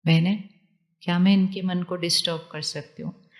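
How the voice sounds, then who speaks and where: Woman, spiritual teacher, calm sermon, low-ish voice, repeats questions. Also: normal speed, long reverb tail. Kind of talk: spiritual talk to a live audience.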